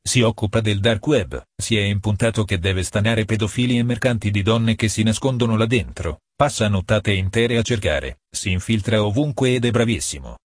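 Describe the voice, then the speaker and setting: Low husky male audiobook narrator. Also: normal speed, few pauses, no room sound, clean studio sound.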